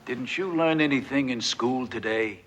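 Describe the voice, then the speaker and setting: A man acting a sly, sharp-voiced racketeer. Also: medium pitch, moderate pace, slight background noise, lightly acted. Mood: sly, patronizing. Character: smooth, condescending male racketeer boss of teenage hoodlums. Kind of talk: TV comedy villain acting.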